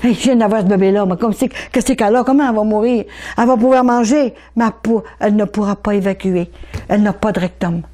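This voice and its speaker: Warm-voiced older Québécois woman. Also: mid-range voice. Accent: Québécois French. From Quebec. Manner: animated, repeats words, stammers in rushes. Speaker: speaker giving religious testimony. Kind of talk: emotional personal testimony.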